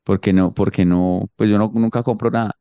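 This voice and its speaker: Man, smooth clear voice, dull dry sound, halting casual chat. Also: fairly low pitch, fairly even intonation, warm tone, no room sound. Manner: hesitant, many fillers and restarts. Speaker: radio show co-host. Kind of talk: casual conversation.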